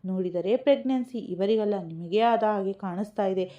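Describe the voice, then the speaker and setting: A woman reading as a calm, kind doctor. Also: medium pitch, moderate pace, dull audio, lightly acted. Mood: reassuring. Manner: calm, reassuring. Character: kind, gently joking hospital doctor.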